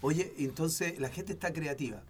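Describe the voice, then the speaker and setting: A man's voice: a little high, moderate pace, faint music behind. A Chilean man co-hosting a podcast in a casual comedic chat, joking, laughing often and asking naive questions. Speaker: podcast co-host.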